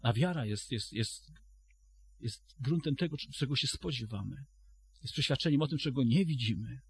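Husky-voiced man preaching a sermon. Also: mid-range voice, animated, moderate pace, dry recording. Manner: storytelling with frequent restarts, addresses congregation directly.

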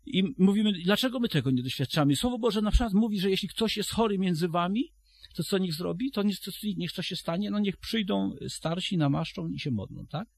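A man's voice: high voice, expressive, fairly quick, creaky, no echo. A man preaching a sermon to a congregation, retelling a story and then addressing his listeners directly, often restarting his phrases.

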